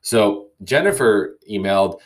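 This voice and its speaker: Guy hosting his own podcast, lowish voice, reads out listener emails and muses on them, lots of little restarts. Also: lively intonation, measured pace. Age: young adult or middle-aged, parent. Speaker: podcast host. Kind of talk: casual solo podcast talk.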